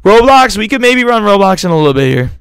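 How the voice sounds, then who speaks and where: A man's voice: high-pitched, very animated, quick pace, clear, resonant tone, dry recording. Slangy young male streamer, worn voice. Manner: rambling, slangy, talks straight to chat. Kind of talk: casual live-stream chat.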